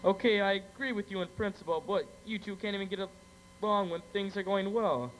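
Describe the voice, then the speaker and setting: A school stage actor as Howard, a flustered studio boss who barks orders during a crisis. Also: male voice, sits high, brisk, natural voice. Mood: strained. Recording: echoey auditorium, faint noise.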